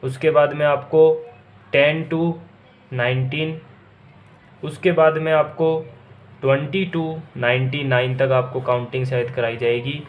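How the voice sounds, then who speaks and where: A man's voice: medium pitch, flat delivery, a little slow, phone-quality sound. A man teaching a language lesson to students, patient and repetitive, stretching out key words. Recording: echoey room with faint ambience.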